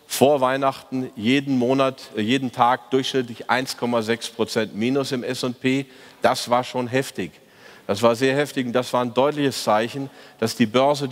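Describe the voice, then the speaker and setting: Man, fund manager at a conference, opinionated and ironic, frequent um and uh, mid-pitched voice, long hall reverb. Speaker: fund manager giving a market review. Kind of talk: conference talk.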